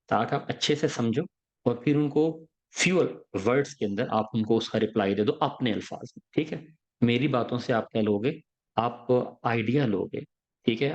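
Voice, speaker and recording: A man's voice: medium pitch, dull audio. A man giving explanatory podcast advice on engineering job interviews, walking through points step by step and often checking in with the listener.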